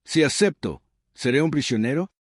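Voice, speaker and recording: A man's voice: mid-range voice, animated, normal speed, dry recording, studio quality, voice pushed up, close to an everyday voice. A man voicing a frightened young stranger who asks hesitant questions, in an audio story. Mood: fearful, hesitant.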